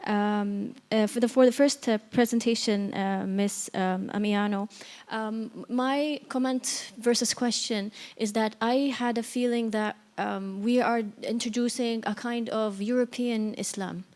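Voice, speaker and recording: Woman from Egypt, seminar audience member, high-ish voice, earnest, halting with fillers. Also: steady tone, darkish tone. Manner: hesitant, many fillers, earnest. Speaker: audience member asking a question. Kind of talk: hesitant spoken question at a seminar.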